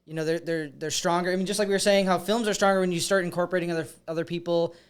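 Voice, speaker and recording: A man's voice: sits high, steady tone, very fast, smooth. Filmmaker guy on a podcast, lots of like and you know, trails off. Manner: casual, filler-heavy, trails off mid-thought. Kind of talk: casual chat.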